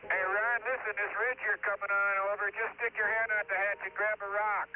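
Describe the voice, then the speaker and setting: A male astronaut speaking over a lo-fi space radio transmission from an archival mission recording, excited and marveling as he talks. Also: sits high, a little fast.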